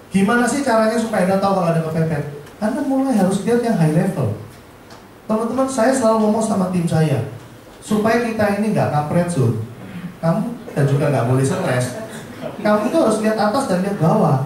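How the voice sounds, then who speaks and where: Guy doing a fun sales pep talk, kinda high voice, faint room noise behind. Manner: lively, joking, acts out quoted voices. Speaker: sales trainer for insurance agents. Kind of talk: motivational seminar talk. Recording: roomy, distant mic, faint background noise.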